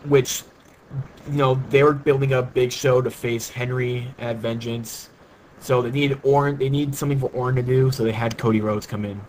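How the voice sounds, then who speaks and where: Guy cohosting a podcast, jokey, laughs a lot, middle pitch, bit of faint hiss. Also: moderate pace, low-quality recording. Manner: jokey, laughs often, bursts of excitement. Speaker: podcast co-host. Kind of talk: casual chat.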